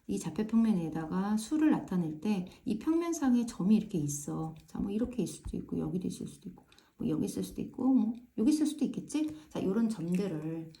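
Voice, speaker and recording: Her voice is medium-pitched, gravelly and mellow, expressive and quick as she teaches math casually, step by step. She often asks "right?" to confirm students follow and uses "ja" repeatedly to mark the steps.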